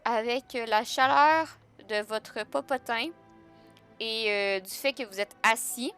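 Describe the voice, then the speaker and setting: A young woman with a Québécois French accent chats on a live stream, joking and answering her viewers. Her voice sits a little high, and she keeps the talk loose and teasing. Faint music plays behind her. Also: takes it slowly, fairly bright tone. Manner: joking, chatty, laughs often, answers chat. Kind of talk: casual live-stream chat.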